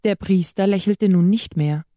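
A woman reads a short story aloud in a measured, even voice of ordinary pitch. The recording is dry and close, with no room sound. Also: no room sound. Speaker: reader. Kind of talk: scripted narration of a short story.

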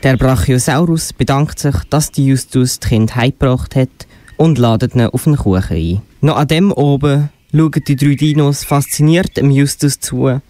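A young-sounding male narrator with a Swiss German accent reads a scripted children's story in a mellow, medium-pitched voice at normal speed. He's the narrator and presenter of a school radio play, captured in a slightly noisy amateur recording with clicks.

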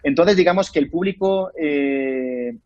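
Spanish-accented actor, chatty and animated. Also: male voice, a little high, measured pace, no room sound, dull audio. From Spain. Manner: animated, rambling with many restarts. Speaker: actor, interview guest. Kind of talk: casual interview conversation.

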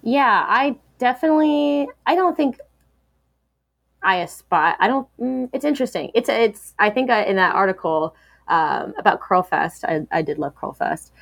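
A woman's voice: mid-range voice, expressive, moderate pace, gravelly, a bit bright, dry recording, clean studio sound. A woman speaking as an interview guest, talking candidly and reflectively, with many fillers and restarts.

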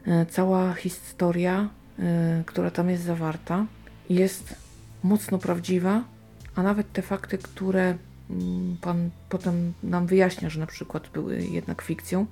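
A woman reviews books in an unscripted, casual way. Her voice is on the low side and mellow, with a lot of gravelly creak. She thinks aloud, hesitating and stretching out her pauses. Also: level tone, faint music behind. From Silesia, Poland. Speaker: book reviewer. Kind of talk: casual unscripted book commentary.

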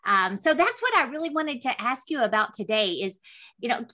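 A woman hosts an interview podcast in a high, bright voice with a forward edge and a sing-song lilt. She talks at a moderate pace, chatty and emphatic, stacking phrases in an informal, conversational way.

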